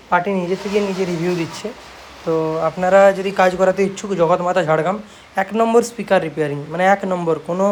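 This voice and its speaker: A man with a high voice and a little hiss or hum speaks with a West Bengal Bengali accent. He owns a repair shop and talks casually to viewers in a shop video showing his work, repeating himself and habitually adding confirming tags.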